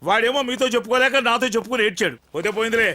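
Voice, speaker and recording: A man's voice: very high-pitched, rapid-fire, pushed and bright. A hot-tempered, indignant man. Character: hot-tempered matchmaking relative, quick to anger. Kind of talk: film comedy acting. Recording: film soundtrack with faint music.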